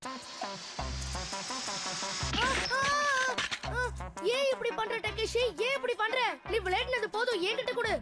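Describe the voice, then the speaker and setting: A woman's voice: very high-pitched, lively intonation, slow, long pauses, full character voice. A woman voicing a cheeky, whiny young schoolboy in a dubbed cartoon. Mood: pleading. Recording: cartoon music underneath.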